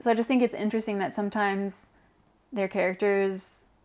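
A woman with a medium-pitched, darkish voice co-hosts a laid-back podcast on tabletop role-playing, talking thoughtfully about character voices. She keeps a steady tone and a slightly fast pace, chatty and ready to laugh.

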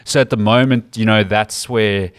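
A man's voice: fairly low pitch, steady tone, normal speed, clear, resonant tone, no echo, clean studio sound. A man from Africa, a rugby commentator and guest telling stories earnestly in a casual interview. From South Africa. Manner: earnest, explanatory storytelling.

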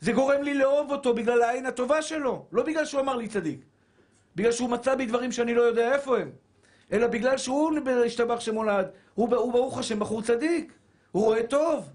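A man preaching a Torah sermon as a rabbi, fervent and shouting, repeating phrases for emphasis and calling listeners his brothers. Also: extremely high pitch. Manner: addresses listeners as brothers and dear souls.

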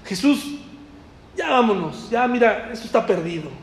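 A weary, grieving woman full of doubt, as a male preacher puts her on, halting and making excuses. She speaks low and subdued. The sound rings with the long reverb of a large hall. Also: lively intonation. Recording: echoey hall.

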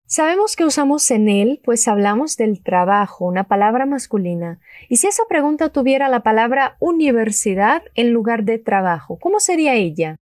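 Woman, Spanish teacher, higher voice, dry close sound, upbeat, slow clear drills. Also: sing-song, darkish tone, no room sound. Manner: slow, clearly spelled-out model phrases for learners; upbeat, enthusiastic. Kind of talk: language lesson with repeat-after-me drills.

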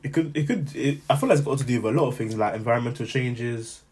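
A young man with a London roadman accent talks very quickly in casual conversation. His speech is slangy and repetitive, peppered with tag questions, at a middling pitch. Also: darkish tone. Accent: London, urban roadman slang. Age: young adult. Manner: slangy, repeats himself, tags with "innit". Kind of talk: casual chat.

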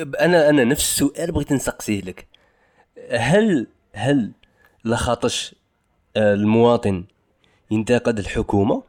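Low-voiced man arguing a point. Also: darkish tone. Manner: argues his point insistently, mixes in French and English. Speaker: podcast co-host. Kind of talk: casual discussion podcast.

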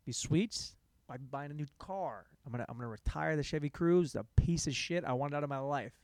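A young man hosting a solo comedy podcast, rambling in a sarcastic, self-mocking way, jumping between loud bursts and mumbled asides. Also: fairly high pitch, brisk, no room sound. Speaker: podcast host.

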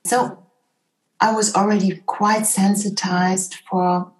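A woman who speaks English as a second language, telling a personal story reflectively in conversation as an interview guest, with hesitant pauses between short phrases. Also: mid-range voice, little pitch movement, low-quality recording. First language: not English.

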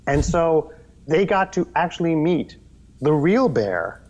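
As a guest in a casual interview, a children's TV performer tells stories in an animated, rambling manner, frequently restarting sentences. His voice sits on the high side and moves slowly, and the audio sounds slightly dull.

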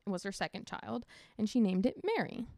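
A woman's voice: mid-range voice, very animated, brisk, gravelly, a little mellow, no room sound, clean studio sound. A woman co-hosting a podcast, chatting casually and telling a true crime story, laughing and swearing now and then. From Washington state. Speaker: podcast co-host.

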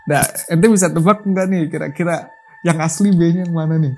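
A man's voice: on the high side, steady tone, moderate pace. A man casually telling a true horror story, checking in often to see that his listener follows. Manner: chatty, keeps checking the listener follows with filler tags. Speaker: guest storyteller.

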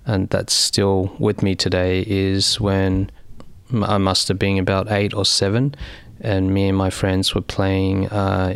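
A man in his thirties or forties who grew up in China, speaking as an interview guest in a measured, reflective way with frequent fillers. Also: low voice, clean tone, no echo. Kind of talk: conversational interview.

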